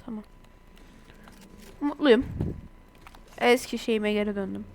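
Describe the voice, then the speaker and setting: A woman from Turkey giving casual, chatty commentary over her own gameplay, excitable and quick to burst into exasperated outbursts. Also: medium pitch, slight background noise. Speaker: gaming YouTuber.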